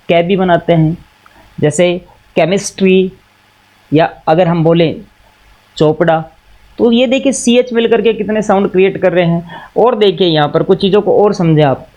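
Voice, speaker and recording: A man's voice: high voice, a little mellow. A male teacher with an Indian accent explaining a lesson, asking questions and answering them himself, mixing Hindi and English. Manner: repeats and recaps patiently. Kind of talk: classroom lesson.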